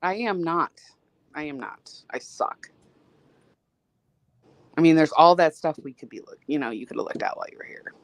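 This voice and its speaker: A woman's voice: sits low, expressive, normal speed, long pauses, no echo. A woman hosting a casual live-stream chat, teasing and laughing often. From Saint Louis. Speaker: host.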